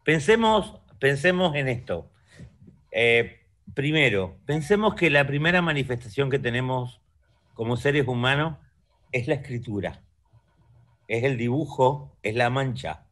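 A man in his fifties from Argentina, with an Argentine Spanish accent, talks reflectively as an artist guest in a conversational interview, often checking in with the listener. His medium-pitched voice is a bit bright, with lively intonation and a measured pace. He's in a room at home, picked up by a video call webcam.

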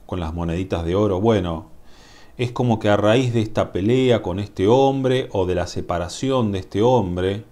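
A man with a Rioplatense Spanish accent reading tarot cards to camera in a musing, drawn-out way, often asking "mm?" to the viewer. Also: on the low side, dark tone. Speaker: tarot reader. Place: indoors at a table. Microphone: camera above the table, speaker off-screen.

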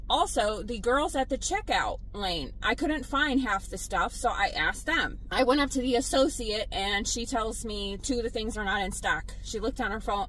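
A woman, a delivery driver vlogging from her car, blunt and animated as she tells her stories. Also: medium pitch, a little hiss or hum, rough recording. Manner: exasperated, blunt, animated storytelling. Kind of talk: casual vlog venting to viewers.

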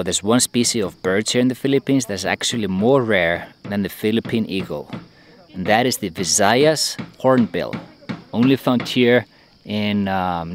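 Chatty young man vlogging outdoors. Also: lowish voice. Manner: chatty, excitable, quick to laugh. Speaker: travel vlogger. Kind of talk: casual travel vlog narration. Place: outdoors in rural hills and an open-air bamboo restaurant. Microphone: handheld action camera at arm's length.

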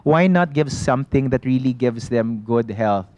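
A man's voice: mid-range voice, lively intonation, moderate pace, a little mellow, muffled recording. A man, a shop owner and studio guest, patiently explaining health foods in casual chat, often saying "you know" and restarting his sentences.

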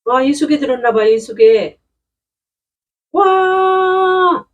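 Indoors at home, a woman unboxes succulent plants, chatting delightedly and exclaiming often in casual commentary. Her medium-pitched voice is animated, a little slow, darkish and breathy, captured on a distant mic in a muffled recording.

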